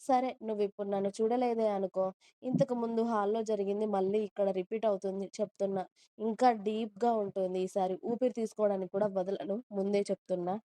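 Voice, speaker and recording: Woman reading a teasing protective young lover, warm mellow voice, dry close sound, audio story. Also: medium pitch, steady tone, fast, smooth, dry recording, lightly acted. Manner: softly teasing, caring.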